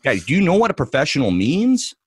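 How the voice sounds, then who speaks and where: A man's voice: fairly high pitch, huge pitch swings, fairly quick, breathy edge, no echo. A man co-hosting a trading podcast, ranting profanely and mocking others in put-on voices. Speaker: podcast co-host, trader. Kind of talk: ranting casual podcast talk.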